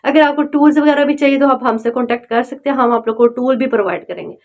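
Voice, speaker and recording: A woman's voice: high-pitched, quick pace, a little mellow. A woman giving a motivational tutorial on online selling, urging viewers directly and often checking in with "okay". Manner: urging, repeats "okay" fillers, direct address.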